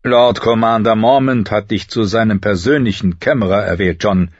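A man's voice: on the low side, normal speed, husky, no room sound. A man voicing a stiff formal steward. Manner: formal, matter-of-fact. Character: stiff middle-aged male steward. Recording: slightly dull recording.

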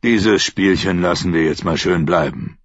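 An audiobook reader voicing a tall, strong, rough male soldier who talks in a gruff, scolding way. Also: low voice, moderate pace, no echo, dull audio.

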